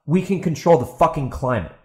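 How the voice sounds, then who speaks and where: A man hosts a solo podcast, ranting combatively and with blunt exasperation while repeating himself, partly as he reads out a post. His voice is on the high side, expressive, a little fast and slightly mellow. The recording sounds roomy and echoey.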